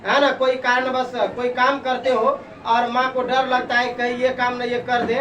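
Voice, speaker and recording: A woman teacher explaining a poem to her class. She recites lines of verse, paraphrases them, and pauses so the pupils can finish her words. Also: on the high side, level tone, noisy background. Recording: echoey room, voice far from mic.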